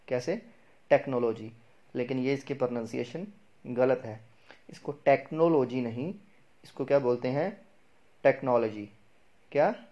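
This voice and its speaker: A man giving an English pronunciation lesson, explaining words slowly and asking and answering his own questions. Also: medium pitch, a little mellow, lo-fi sound.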